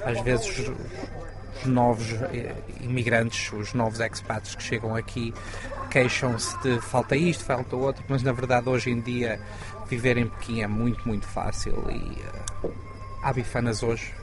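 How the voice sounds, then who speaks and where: A man's voice: mid-range voice, little pitch movement, measured pace, over music. A man with a European Portuguese accent, talking in a casual interview, hesitant with many fillers. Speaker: interviewee, architect.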